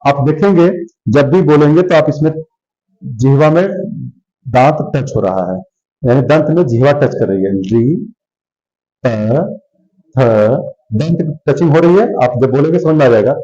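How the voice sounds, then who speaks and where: A man's voice: on the high side, animated, dark tone, lo-fi sound. A man teaching a classroom lesson, sounding out letters one at a time and asking questions he answers himself. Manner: slow, repeats sounds one by one and asks then answers.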